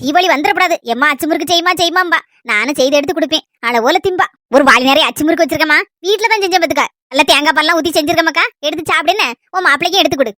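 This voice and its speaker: A woman's voice: high-pitched, very fast, few pauses, bright, forceful tone, dry recording, clean studio sound. Woman doing a doting Kanyakumari grandmother. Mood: fond. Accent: Kanyakumari Tamil. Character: chatty, doting old village grandmother. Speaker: grandmother visiting her married granddaughter. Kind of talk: comedy skit.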